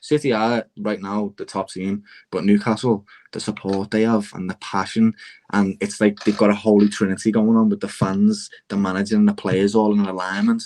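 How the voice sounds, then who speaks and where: A man's voice: lowish voice, normal speed. A young man with a Liverpool accent, passionately arguing in a casual football debate and calling everyone "lad". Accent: Liverpool (Scouse). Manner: passionate, repeatedly says "lad", animated. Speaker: Liverpool fan panelist on football podcast.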